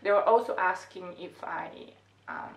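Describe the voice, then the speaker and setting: A woman's voice: on the low side, sing-song, normal speed. A young Bulgarian woman in her twenties with a Bulgarian accent, chatting and asking questions in a casual couple video, laughing often. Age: 20s. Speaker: vlogger host. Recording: roomy echo, mic at a distance, faint noise.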